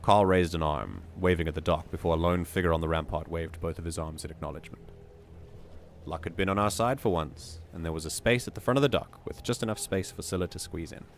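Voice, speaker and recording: A man hosting a reading stream, reading a community story aloud in a measured way with joking asides. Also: low voice, slight background noise.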